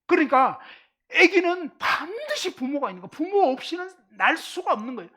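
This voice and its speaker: A middle-aged Korean woman giving a lively Bible lesson to a live class, constantly asking questions and checking that everyone follows. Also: sits high, fairly quick. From Korean countryside.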